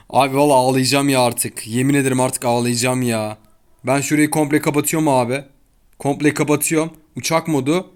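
In a mid-range voice with fairly even intonation and a moderate pace, a young man runs his gaming channel, casually talking over gameplay. He often sounds fed up and complains in slang, recording at home near an open window while a child is heard outside.

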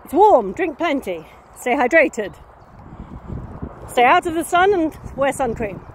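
Woman, high voice, bouncy animated pitch, rambling casual vlog, faint background noise. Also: measured pace. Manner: chatty, wandering, self-mocking, laughs often. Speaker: vlogger.

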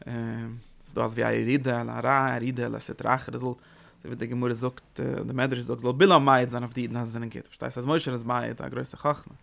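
A man giving a Torah lecture, speaking with animated, emphatic bursts and mixing in English words. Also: mid-range voice, brisk, vocal fry. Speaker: Torah teacher. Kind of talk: religious lecture.

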